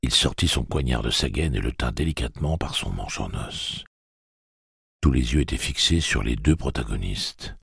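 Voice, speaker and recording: A man reading a story aloud as narrator, in a dramatic, animated way. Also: extremely low pitch, vocal fry, breathy edge, no room sound, clean studio sound. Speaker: audiobook narrator. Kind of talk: scripted narration.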